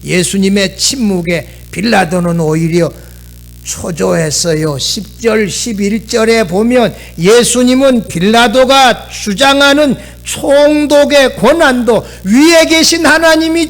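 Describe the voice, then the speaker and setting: A middle-aged man, preaching a sermon as pastor in an animated way, acting out quoted lines. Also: very high voice, a little slow.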